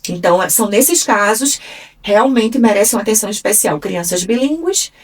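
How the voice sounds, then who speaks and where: A woman's voice: mid-range voice, lively intonation. Brazilian woman explaining, slightly distant mic. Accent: Brazilian Portuguese. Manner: explanatory, measured, frequent tag questions. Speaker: speech therapist guest. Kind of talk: radio interview. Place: radio studio.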